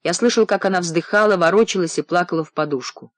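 A man reading a first-person novel aloud in a low, measured narrating voice. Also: dry recording, studio quality. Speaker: audiobook narrator. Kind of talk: scripted narration.

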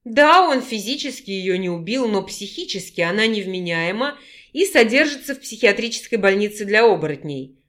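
A woman's voice: medium pitch, expressive, moderate pace, fairly bright tone, lightly acted. Woman reading a snarling werewolf villain. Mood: gloating. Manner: snarling, gloating threats. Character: menacing male werewolf villain, vengeful twin.

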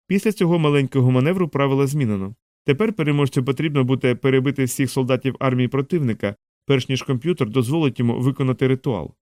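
A man reading the part of a curt adult army officer, flat and matter-of-fact, recorded dry. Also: medium pitch, fast talker, hardly any pauses, dry recording, lightly acted. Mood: firm.

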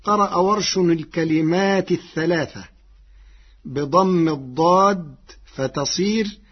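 A man explaining variant Quran readings in formal, measured speech, chanting each quoted verse slowly, from a dull lo-fi radio broadcast. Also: high-pitched, slightly rough. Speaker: Quran recitation teacher. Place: radio studio.

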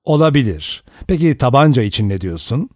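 A gruff, blunt ex-policeman in a storybook reading, as a male narrator puts him on, muttering suspicious questions. His voice is thick and lifted slightly above the narrator's, recorded dry. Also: medium pitch, very animated, brisk, a little mellow, dry recording.

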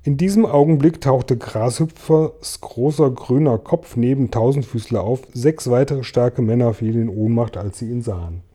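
A man reading a children's story aloud with lively, expressive narration. His voice is very dark and mellow, and his pitch sits in the middle range. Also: normal speed, hardly any pauses. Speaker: audiobook reader.

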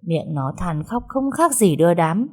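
A woman reading a romance story aloud as narrator, in a lively, expressive way. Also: on the low side, unhurried. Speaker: audiobook narrator.

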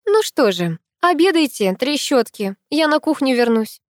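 A woman's voice: sits high, big pitch swings, a little slow, no room sound, clean studio sound, voice pushed up. Woman doing a fussy kindly housekeeper. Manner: fussing, affectionate, folksy.

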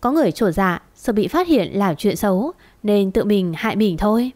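A woman voicing a proud, calm young wife who gives firm orders, in a storybook reading. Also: medium pitch, normal speed, close to an everyday voice. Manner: cool and firm, commanding.

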